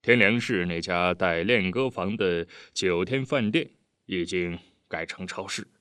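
A man's voice: low voice, measured pace, a bit bright, clear, resonant tone, no room sound, studio quality. A man voicing an eager, earnest middle-aged official who keeps pressing his case in a storybook reading. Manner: earnest, pleading, talkative.

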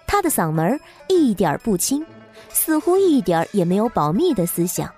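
A woman narrating a story in an expressive, dramatic way. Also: medium pitch, normal speed. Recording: faint background music.

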